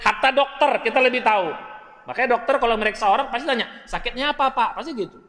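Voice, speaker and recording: An older man preaching a dawn mosque lecture in a lively, folksy way, asking the congregation questions and addressing them directly. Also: extremely high pitch, quick pace. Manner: lively, folksy, addresses listeners as Pak and Bu, asks the crowd questions. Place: mosque hall. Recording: long hall reverb.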